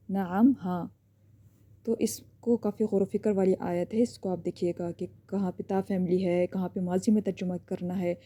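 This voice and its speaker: A woman gives a recorded lesson in a very dark, mellow voice. She walks through each point step by step and keeps checking in with a short "okay" before moving on. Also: medium pitch, slightly rough. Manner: explains step by step, often checks with a quick "ठीक है". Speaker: teacher.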